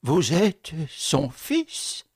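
A man voicing a frightened old concierge who stammers and asks shrill, disbelieving questions, in an audiobook reading. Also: sing-song, slow pace, a little mellow, husky, dry recording, clean studio sound, exaggerated voice. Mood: hushed. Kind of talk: audiobook character voice.

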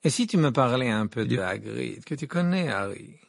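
A man's voice: medium pitch, animated, normal speed, gravelly, dry recording, studio quality. A man doing a falsely sweet gossip journalist. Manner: gushing and falsely sweet, then cold. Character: scheming middle-aged female gossip journalist.

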